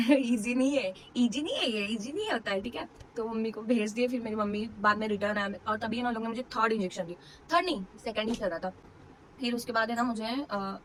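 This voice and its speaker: A woman's voice: mid-range voice, slight background noise, low-quality recording. A young woman vlogger, casually telling a personal story to camera, emotional and full of fillers. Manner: chatty, emotional retelling with many fillers.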